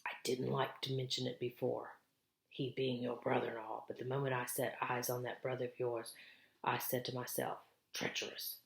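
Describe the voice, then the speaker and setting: A woman reads as a knowing male beaver in a children's story. The voice is low and creaky, grave and deliberate, with ominous weight. It sounds in an echoey room. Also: flat delivery. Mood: grave suspicion.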